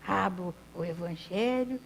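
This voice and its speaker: A woman voicing a gentle, frail, toothless old country man who speaks softly and haltingly. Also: on the low side, creaky, slight background noise, voice pushed down, poor audio. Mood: tender. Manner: soft, halting, calls others "fia".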